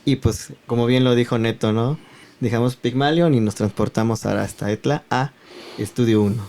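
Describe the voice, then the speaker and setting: A man co-hosting a podcast, asking questions in a relaxed way with frequent tag questions, recorded in a recording studio. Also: medium pitch, brisk. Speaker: podcast co-host. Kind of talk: casual interview chat.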